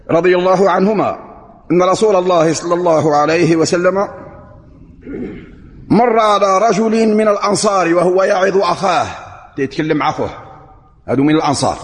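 Male preacher, fairly high voice, sermon read aloud with asides in dialect, long hall echo. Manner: reads a prepared text, then explains it in colloquial dialect.

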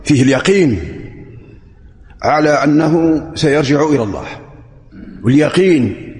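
A man's voice: a little high, lively intonation, normal speed, a little mellow. A man preaching a sermon, reading a prepared text and then explaining it in colloquial dialect. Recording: long hall reverb.

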